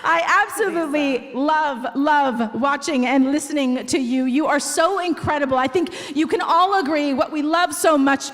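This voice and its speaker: A woman hosting a live event, energetic and cheering the crowd on, a little out of breath. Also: sits high, moderate pace, few pauses. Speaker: event host. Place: large school auditorium with audience. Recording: echoey hall with crowd.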